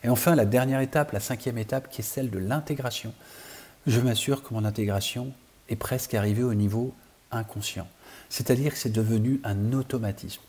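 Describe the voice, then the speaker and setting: A man's voice: medium pitch, a little fast. A man who works as a coach, teaching an online training lesson and explaining step by step straight to his learners. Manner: steady explanatory, speaks directly to learners.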